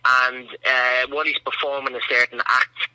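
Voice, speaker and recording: A man on a radio interview spins long comic anecdotes, chuckling through the punchlines. His voice is very bright and sharp, and the sound is completely dry with no room around it. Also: mid-range voice, flat delivery, moderate pace, clean tone, no echo, low-quality recording. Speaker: comedian guest. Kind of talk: casual radio interview storytelling.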